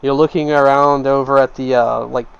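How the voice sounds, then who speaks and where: A man's voice: medium pitch, little pitch movement, normal speed, gravelly, clear, resonant tone, highs cut off. A man narrating a tabletop game as game master, describing scenes at length with frequent fillers.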